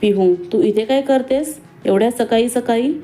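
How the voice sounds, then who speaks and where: A woman voicing a young female college student who talks in a quick, teasing and pointed way. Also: fairly high pitch, warm tone, natural voice. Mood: spirited.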